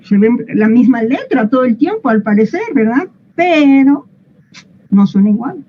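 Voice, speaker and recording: A woman's voice: on the high side, sing-song, unhurried, highs cut off, slight background noise. A woman, explaining English pronunciation to a class in a patient, playful way and asking them questions. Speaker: English teacher.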